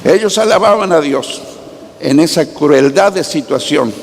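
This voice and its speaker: A man preaching a sermon, slow and dramatic, sometimes rising to a near shout. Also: a little high, animated, slight background noise. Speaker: pastor. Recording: long hall reverb.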